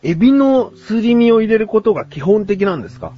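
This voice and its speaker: High-voiced man with quick teasing retorts. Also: big pitch swings, highs cut off. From Yokohama, Japan. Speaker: assistant co-host. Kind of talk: casual comedic chat.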